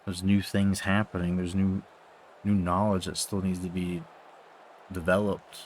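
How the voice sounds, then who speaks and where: A man's voice: sits low, flat delivery, measured pace, a little mellow, slight background noise. A man casually commenting while playing a football video game, rambling and swearing between mock play-by-play calls. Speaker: gaming streamer.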